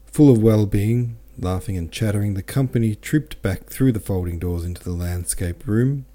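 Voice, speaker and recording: A fairly low-pitched, warm male voice at normal speed belongs to a book podcast host. He reflects out loud on a chapter and reads listener comments before reading passages from the novel, keeping the tone relaxed and book-club casual.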